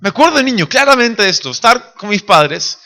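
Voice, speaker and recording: A man in his thirties preaching a sermon in church, telling family stories, acting out the voices of the people in them and shouting at the high points. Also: very animated, a little fast. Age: 30s. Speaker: pastor. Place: church sanctuary.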